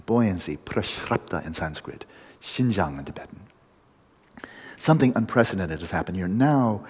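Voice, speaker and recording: Man, meditation teacher, deep-ish voice, vivid explaining style, reverberant hall. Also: a little mellow, slightly rough. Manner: vivid, image-rich explaining with pauses and restarts. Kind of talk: dharma talk to a retreat group.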